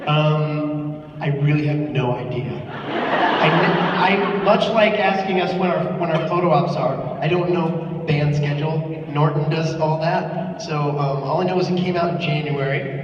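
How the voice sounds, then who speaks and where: High-voiced man in a cavernous, echoey hall. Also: unhurried. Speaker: musician panelist answering fans. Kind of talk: casual live panel banter. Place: large hall at a convention panel. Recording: echoey hall, distant, muffled, noisy room.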